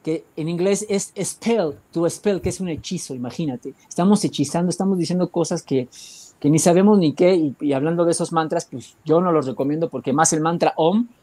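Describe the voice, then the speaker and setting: A man with a Mexican accent giving a rambling spiritual talk, often searching for words and filling pauses. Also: on the high side, mellow. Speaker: guest speaker.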